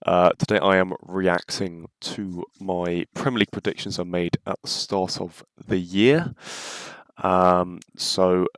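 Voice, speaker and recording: A low-pitched man talks through his own old predictions in a loose, chatty way. He fills his speech with ums and restarts. His voice is nasal and stuffy from a cold, and the recording is close and dry with no room sound. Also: fairly even intonation, slow pace, no echo. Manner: chatty and loose, with many ums and self-corrections. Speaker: YouTuber reacting to his own old video. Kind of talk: casual reaction commentary.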